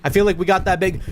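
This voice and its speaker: Male streamer, casual game chat, loose and profane, voice on the higher side; game music underneath. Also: very noisy. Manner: loose, swearing, many filler likes. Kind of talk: casual gaming commentary.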